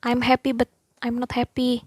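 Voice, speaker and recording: A woman's voice: a little high, completely flat delivery, normal speed, breathy edge, no room sound. A woman voicing a distressed, tearful young female friend who speaks in broken, pleading phrases. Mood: anguished.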